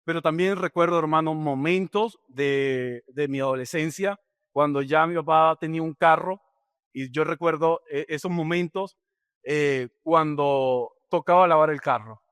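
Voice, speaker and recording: A man's voice: on the high side, measured pace, a bit bright, clear, resonant tone, no echo, clean studio sound. A middle-aged man preaching a sermon as a pastor, speaking directly and asking rhetorical questions.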